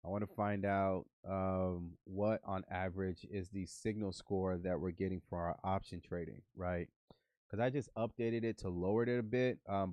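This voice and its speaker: Getting over the flu and sounding nasal, a livestream host mutters to himself and his trading bots while coding them in a casual live stream. His voice is low and mellow, with no echo.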